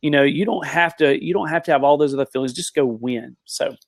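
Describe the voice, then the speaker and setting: A man's voice: a little high, a little fast, gravelly, dry recording. A man giving an impassioned motivational rant on a live video panel, folksy, emphatic and repetitive. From rural area (said, country).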